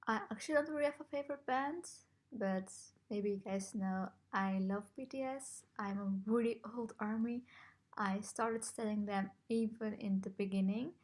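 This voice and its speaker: A woman's voice: medium pitch, normal speed, a little mellow. A young woman from the Netherlands answering viewer questions in a casual vlog, talking in a hesitant, self-conscious way. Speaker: vlogger. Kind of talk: casual Q&A to camera.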